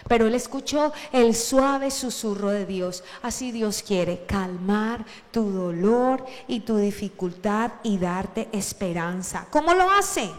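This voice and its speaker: A woman preacher giving a lively sermon, acting out the shouts of the Bible story as she retells it. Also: fairly high pitch, big-room sound. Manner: animated, acts out shouted Bible quotes.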